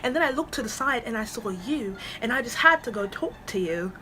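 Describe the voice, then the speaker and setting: A woman voicing a pushy older British man who insistently flatters a girl he just met. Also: a little high, normal speed, a little hiss or hum, poor audio. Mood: flattering.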